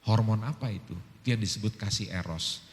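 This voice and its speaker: A man's voice: on the low side, a little fast, big-room sound. A male pastor in his fifties preaching a sermon, telling stories animatedly and acting out quoted dialogue.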